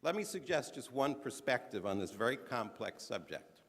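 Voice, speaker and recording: A man giving a measured, earnest speech at a conference, stressing his points, now and then restarting a phrase. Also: medium pitch, big pitch swings, a bit bright. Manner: earnest, measured, emphatic delivery with occasional restarts. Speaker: conference speaker. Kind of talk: prepared speech to an audience. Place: conference hall. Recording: large hall with long reverb.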